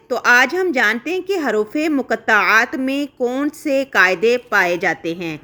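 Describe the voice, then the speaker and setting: A woman's voice: high-pitched, sharp tone. A young woman teaching a recitation class, explaining step by step and asking questions she then answers herself.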